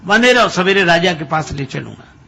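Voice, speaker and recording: A man playing a gruff, threatening gardener. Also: high voice, lively intonation, moderate pace, sharp tone, heavily acted.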